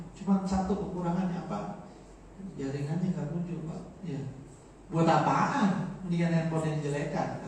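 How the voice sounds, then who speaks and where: A man's voice: high voice, dark tone, distant mic, slight background noise. A man with a Betawi accent giving a joking, informal morning sermon, explaining Arabic phrases. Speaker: religious teacher. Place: large mosque hall. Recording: echoey mosque, mic from afar.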